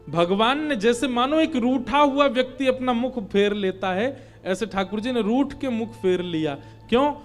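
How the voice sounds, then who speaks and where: A male preacher with a notably high voice tells a devotional story sermon in an animated way, breaking into chanted scripture verses. Faint music plays softly underneath his narration.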